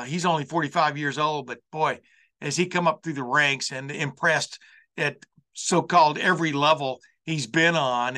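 A man's voice: on the high side, bright, forceful tone. A man hosting a college football show with an unscripted monologue, folksy and rambling, often circling back over his phrases. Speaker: sports talk show host.

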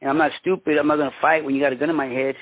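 A man in his fifties, born in Mexico and raised in Los Angeles, telling his own story as a former police officer, halting and restarting often. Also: on the high side, flat delivery, husky, no echo. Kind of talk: personal storytelling interview. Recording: tinny phone-line audio.

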